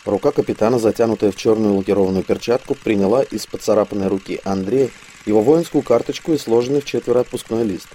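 Guy narrating an audiobook, deep-ish mellow voice, even measured reading. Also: slight background noise. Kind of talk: scripted narration.

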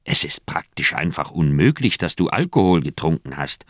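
Fretful doctor, deep voice, radio play, dry studio. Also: male voice, sing-song, moderate pace, dry recording, exaggerated voice. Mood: exasperated. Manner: exasperated, fretful. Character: anxious middle-aged male doctor, flustered friend.

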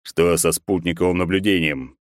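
Man doing a ruthless emperor, deep voice, curt and menacing, dry close sound. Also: steady tone, moderate pace, dry recording, close to an everyday voice. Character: cold, ruthless middle-aged emperor.

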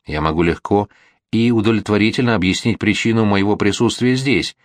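A man voicing a composed, self-assured gentleman. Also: fairly low pitch, a little fast, no room sound, studio quality, natural voice. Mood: calm. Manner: composed and reasoning. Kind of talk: audiobook character reading.

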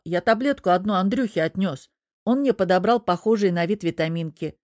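A woman's voice: medium pitch, a little fast, a little mellow, dry recording, studio quality, natural voice. Woman voicing a teasing young husband. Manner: easygoing and teasing. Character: young man, teasing protective husband, confident. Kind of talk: audiobook character voice.

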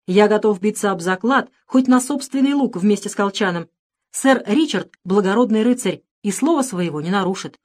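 A woman's voice: medium pitch, lively intonation, moderate pace, a little mellow, natural voice. A woman reading a storybook, voicing a loyal, hot-tempered young male archer. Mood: earnest. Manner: earnest, heated.

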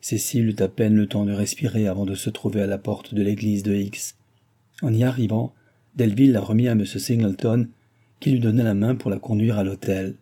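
A man reading a classic novel aloud in a steady, measured narration. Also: on the low side, husky. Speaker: audiobook reader.

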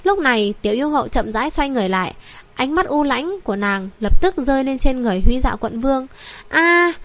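A woman narrating a fantasy novel in steady, even scripted reading. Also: high-pitched, quick pace. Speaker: audiobook narrator.

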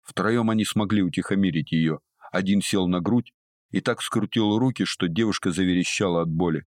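A man with a very deep, low voice narrates a story in a steady, even manner. The recording is close and dry, with no room echo at all. He reads as a practised audiobook narrator. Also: normal speed. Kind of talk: scripted narration.

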